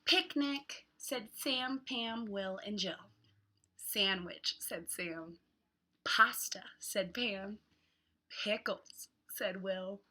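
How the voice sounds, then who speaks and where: Reading a picture book aloud for little ones, this medium-pitched woman draws out her words. Her delivery is animated and over the top, with dramatic emphasis placed on words.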